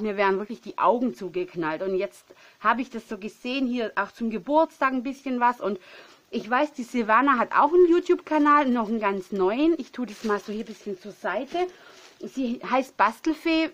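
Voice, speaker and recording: A woman in her thirties chatting casually at home as she unboxes craft gifts, excitable and gushing, tired and sniffly with a runny nose. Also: mid-range voice. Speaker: crafting vlogger.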